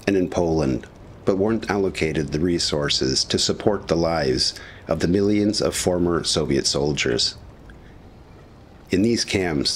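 A low-voiced man reads historical documentary narration in a measured, serious manner, with ambient vehicle noise running behind him.

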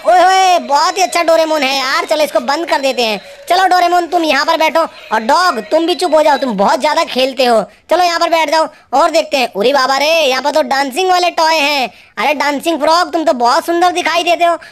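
A woman narrating a toy play video for children, full of excited exclamations and playful scolding of the toys. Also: high-pitched, slight background noise.

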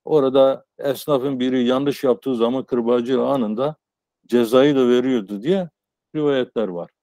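A man in his sixties giving an informal academic lecture as a professor, explaining haltingly on a video call. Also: medium pitch, warm tone, no echo. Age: 60s. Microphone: earphone headset on a video call.

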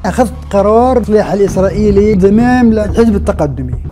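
A man's voice: high-pitched, animated, very fast, mellow, soft background music. A man recounting his past as a former soldier in documentary testimony.

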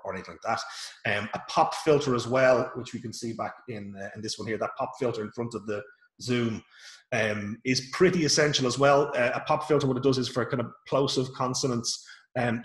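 A man's voice: on the low side, a bit bright, roomy sound. A man with an Irish accent giving a casual online workshop from home, talking informally with many fillers and restarts. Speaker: workshop presenter. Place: home room. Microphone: video call.

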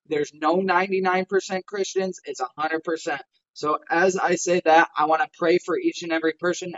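Urgent man preaching to the listener, pitched a bit high, dull lo-fi sound. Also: fairly bright tone. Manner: urgent, direct exhortation. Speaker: guest giving testimony. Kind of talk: fervent preaching and prayer.

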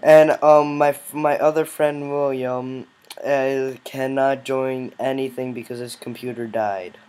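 A man's voice: mid-range voice, flat delivery, a little slow, darkish tone, smooth. A male gaming host giving casual commentary on a game with friends, teasing and bossy, often breaking into laughs.

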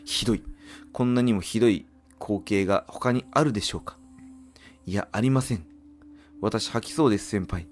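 A man's voice: on the low side, normal speed, long pauses, natural voice. A man voicing an earnest junior onmyoji apprentice in a game, with polite, theatrical, old-fashioned speech. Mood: appalled. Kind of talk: game dialogue read in character. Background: game music.

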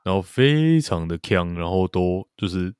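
A man's voice: low voice, expressive, measured pace, darkish tone, smooth, no echo, clean studio sound. A man co-hosting a podcast, chatting casually about a TV series with lots of fillers and repeated agreement. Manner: loose, rambling, many fillers and repeated agreement. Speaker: podcast co-host.

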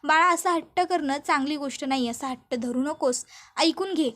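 A woman's voice: sits high, normal speed, fairly bright tone. Woman doing a stubborn village mother. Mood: stubborn, firm. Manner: rural dialect, curt and firm. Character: proud stubborn village mother, fasting, unbending.

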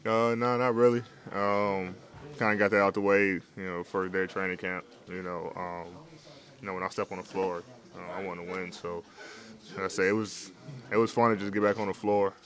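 Low flat-voiced young man in a locker room. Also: normal speed. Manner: laid-back, many fillers and restarts. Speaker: basketball player at postgame interview. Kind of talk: postgame press interview. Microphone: several handheld reporter mics.

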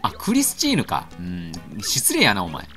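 A man with a Kansai accent commentates on a game, joking crudely and getting excited. His voice is bright and swings widely in pitch. Game music plays faintly underneath. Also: moderate pace. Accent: Kansai Japanese. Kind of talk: let's-play commentary.

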